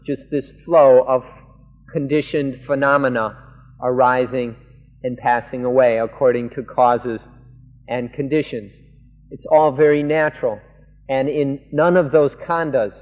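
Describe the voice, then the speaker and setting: A man, a monk, interpreting a Buddhist sermon live, speaking earnestly in halting phrases. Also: mid-range voice. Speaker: monk interpreter of a Dhamma talk. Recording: lo-fi 1980s tape in a reverberant hall.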